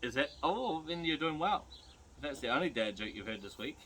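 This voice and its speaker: A man's voice: fairly high pitch, lively intonation, a little fast, a bit bright, a little hiss or hum. A middle-aged man with a broad New Zealand accent, chatting casually and giving laid-back, colloquial instructions as he works. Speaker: host demonstrating butchery to viewers. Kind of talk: casual chat while working.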